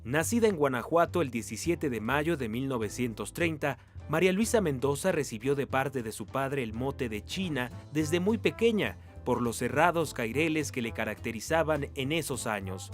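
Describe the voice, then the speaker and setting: Male news voice-over, steady formal read, faint music underneath. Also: mid-range voice, moderate pace, hardly any pauses. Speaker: news narrator. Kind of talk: scripted narration.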